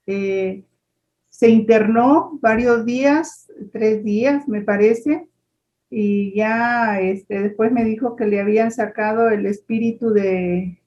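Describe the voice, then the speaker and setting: A woman recounts a story in an online class, talking very slowly and rambling with fillers. Her voice is mellow and a little high. The audio is muffled, lo-fi video call sound. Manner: rambling, many fillers like "este". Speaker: class participant. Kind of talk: telling an anecdote in an online class.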